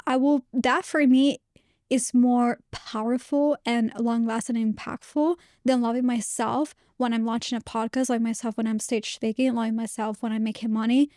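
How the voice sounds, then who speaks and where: Higher-pitched woman, candid podcast host. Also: fairly even intonation, moderate pace, darkish tone, no echo, studio quality. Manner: candid and reflective, many restarts. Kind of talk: casual conversation.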